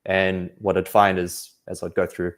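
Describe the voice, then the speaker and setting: A man's voice: sits low, monotone, unhurried. A young man from New Zealand, an anxiety coach talking reflectively in a casual podcast interview, with many fillers.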